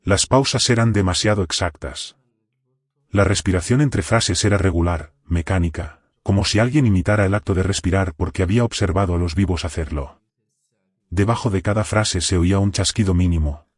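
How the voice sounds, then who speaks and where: Low-voiced man narrating horror. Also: fairly quick, a little mellow, no room sound, clean studio sound. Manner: tense first-person military account.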